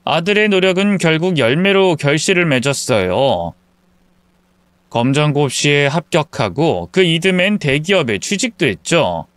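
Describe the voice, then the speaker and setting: Calm male narrator, earnest first-person read, smooth voice, a bit high. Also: unhurried, no echo. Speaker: storyteller.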